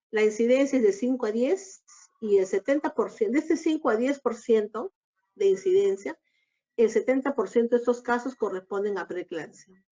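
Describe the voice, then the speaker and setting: A woman giving a recorded obstetrics lecture, explaining each slide in a measured way. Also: fairly high pitch, warm tone. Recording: dull lo-fi lecture audio.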